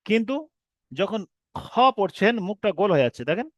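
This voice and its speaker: A man teaching an online reading class, who explains patiently and drags out each letter name slowly. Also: high voice, lively intonation, no room sound. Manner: explains patiently, repeats letter names slowly with long drawn sounds. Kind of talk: recorded online class lesson.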